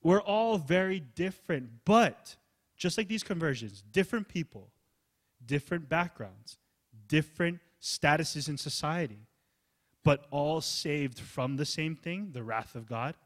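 A male pastor delivers a sermon with animated preaching. He swings from loud, pressing emphasis to quiet, low asides. His delivery is lively and expressive. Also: unhurried. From United States. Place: church hall.

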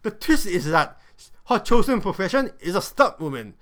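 A man's voice: high voice, big pitch swings, normal speed, a bit bright. A man giving a scripted review of a television drama, with dry, sarcastic humor.

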